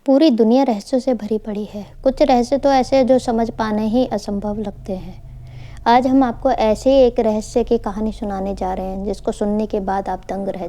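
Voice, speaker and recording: In a fairly high but dark-toned voice, a woman hosts an online channel, narrating a mystery story and chatting informally with her listeners. There is faint background noise.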